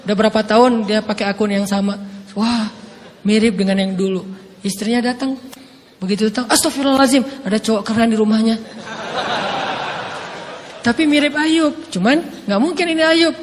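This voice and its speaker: A man in his thirties preaching a lively sermon as a story and acting out the voices of its figures. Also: sits high, fairly quick, long reverb tail, slight background noise. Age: 30s. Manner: animated, acts out quoted dialogue.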